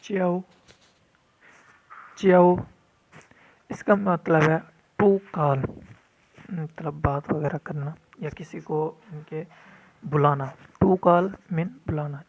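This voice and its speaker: A man teaching vocabulary, repeating each new word several times in a firm drill and mixing English glosses into his explanations. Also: fairly high pitch. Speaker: language teacher. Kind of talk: vocabulary lesson. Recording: dull lo-fi recording.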